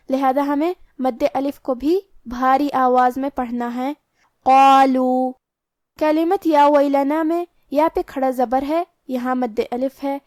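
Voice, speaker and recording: Female recitation teacher, high voice, dry close recording, measured and methodical. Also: a little mellow, no echo. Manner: measured, step-by-step instructional delivery. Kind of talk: tajweed lesson explaining pronunciation rules.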